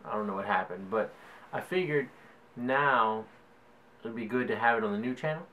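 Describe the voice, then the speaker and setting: Medium in pitch and sharp in tone, a young vlogger from South Louisiana talks at a normal speed in his Cajun accent. He wanders casually through a word list, filling gaps with plenty of "like" and "um."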